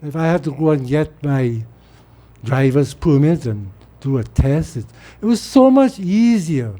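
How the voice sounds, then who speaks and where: Measured and mellow, with a slightly high voice and lively intonation, a middle-aged Trinidadian man speaks in his native accent. He's a political speaker delivering a loose, rambling monologue, repeating words whenever he starts over.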